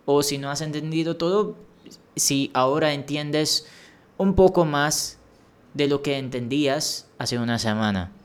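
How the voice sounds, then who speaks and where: In a clean, higher-pitched tone, an Indian man hosts a solo language-learning podcast. He gives steady, encouraging advice and restarts a few of his phrases.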